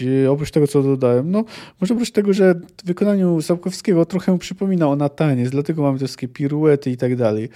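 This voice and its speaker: A man's voice: on the high side, warm tone. A man hosting a book discussion podcast, talking hesitantly with frequent filler sounds. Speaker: podcast host discussing a novel.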